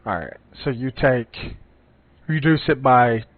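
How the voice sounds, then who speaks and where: A man's voice: mid-range voice, takes it slowly. A man narrating a tabletop game as game master, describing the scene in a loose, storytelling way with frequent restarts. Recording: phone-like audio with faint music.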